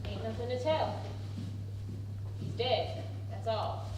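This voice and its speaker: A woman's voice: very high-pitched, lively intonation, normal speed. An actress playing a cranky, worn-out working-class mother on stage, grumbling in folksy, colloquial speech. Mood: subdued, grim. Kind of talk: theatrical stage acting. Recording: distant, very echoey, noisy stage recording.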